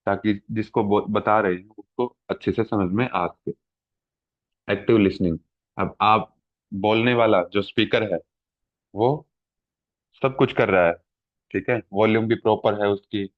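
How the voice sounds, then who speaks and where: A man's voice: fairly low pitch, no room sound. A middle-aged man teaching an exam-prep lecture, explaining step by step and often checking in with his students. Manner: explanatory, mixes English terms, frequent "ठीक है" check-ins. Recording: tinny phone-like dry sound.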